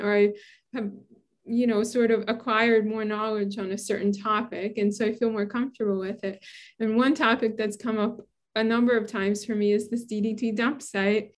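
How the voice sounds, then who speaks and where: A woman in her thirties from Brooklyn, a scientist answering interview questions in a chatty way and laughing often. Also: a little high. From Brooklyn, New York. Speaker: guest scientist.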